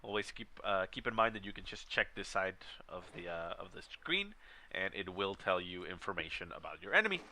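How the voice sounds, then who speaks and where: A man's voice: sits low, expressive, a little fast, pushed and bright. A man with a nasal, congested voice, sick with a stuffy nose, commentating on a strategy game match in a casual, explanatory way. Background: video game battle sounds and music.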